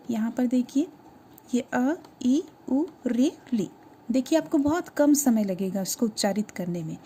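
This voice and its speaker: A woman teaching a grammar lesson to schoolchildren, explaining step by step and asking questions that she then answers herself, slowing down to sound out each letter. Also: high voice, dark tone, husky.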